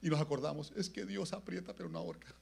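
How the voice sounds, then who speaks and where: A man pastor with a Latin American Spanish accent preaching a sermon in a church, dropping to low murmurs and then rising to loud, emphatic lines. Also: very animated, fast talker, creaky, slight background noise. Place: church sanctuary.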